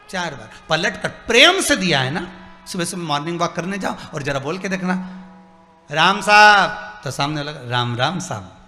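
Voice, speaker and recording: A man preaching a devotional sermon, animated and storytelling, voicing the people in his stories. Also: on the high side. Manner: animated, voices quoted characters in dialogue. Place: large religious gathering. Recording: music behind, long hall reverb.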